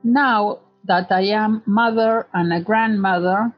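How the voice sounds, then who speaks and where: An Argentine woman in her seventies tells a story from her own life. She speaks English with a Spanish accent and a thoughtful, hesitant manner. The recording is dull and lo-fi, with soft music faintly underneath. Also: mid-range voice, fairly even intonation, slow pace. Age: 70s. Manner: reflective, with occasional hesitations. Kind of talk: personal recollection.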